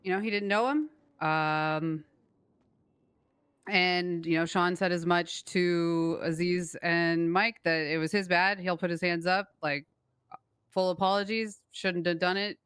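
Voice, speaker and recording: Super clear voice, mid pitch, crime game roleplay, hesitant and placating while explaining stuff. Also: steady tone, measured pace, a bit bright, no room sound. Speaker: role-player as a gang member. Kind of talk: improvised role-play in an online crime game.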